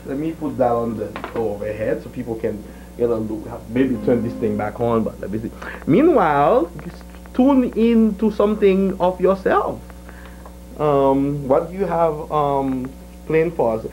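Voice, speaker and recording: A man's voice: medium pitch, lively intonation, unhurried, a little mellow, poor audio. A middle-aged man from Haiti hosting a cable access TV interview, chatty, laughing often and restarting his phrases. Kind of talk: casual interview chat.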